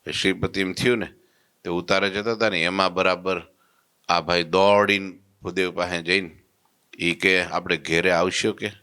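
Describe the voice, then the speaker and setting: A man giving a storytelling sermon in a folksy, animated way, slipping into voices for his characters. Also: deep voice, moderate pace, smooth. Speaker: preacher giving a religious discourse.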